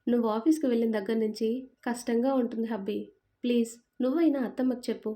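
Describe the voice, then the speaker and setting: A woman's voice: fairly high pitch, steady tone, fast talker, mellow, lightly acted. A woman voicing a patient, hurt young wife. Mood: tearful pleading.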